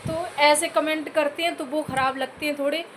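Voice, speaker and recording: High-voiced scolding woman vlogger. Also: fairly even intonation, fairly quick, fairly bright tone, slight background noise. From Uttar Pradesh, India. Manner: scolding, repeatedly addressing listeners as "bhai"; earnest, pleading for comments. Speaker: YouTube vlogger. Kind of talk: direct-to-camera commentary rant.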